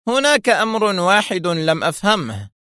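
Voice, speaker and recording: A cold, scheming male villain, as a male storyteller puts him on, barking orders with chilly menace. The voice sits well above the reader's usual pitch and grows tense and clipped. The recording is dry and close. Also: big pitch swings, moderate pace, pushed and bright, no room sound, exaggerated voice. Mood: probing. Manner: cold, commanding and strained.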